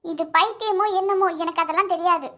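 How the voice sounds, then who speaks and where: A woman voicing Ashmi, a very high-voiced heartbroken cartoon girl. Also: steady tone, a little fast, bright, forceful tone, highs cut off. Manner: emotional, pleading. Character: lovesick young woman, stubborn and tearful.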